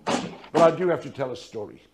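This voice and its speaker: Against a noisy background, an older man speaks fairly quickly in a mid-range voice with lively intonation. He's giving a lecture built around a personal story, emphatic and dramatic, full of rhetorical questions and repeated phrases.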